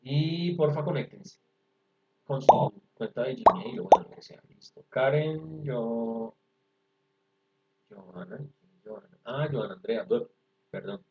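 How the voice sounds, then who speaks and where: A man's voice: mid-range voice, expressive, takes it slowly, pauses often, a little hiss or hum. Man tutoring over an echoey call. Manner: patient, explaining step by step. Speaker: English tutor. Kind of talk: virtual class teaching. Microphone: video call. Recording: echoey, dull video-call audio.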